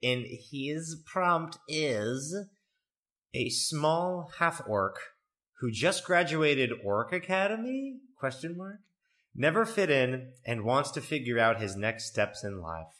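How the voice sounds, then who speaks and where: A man's voice: fairly high pitch, big pitch swings, slow, a bit bright. A man hosting a podcast in casual, jokey, profane chat, recorded in an echoey room that sounds like a cave. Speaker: podcast host. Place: echoey room in a new home, no studio setup yet.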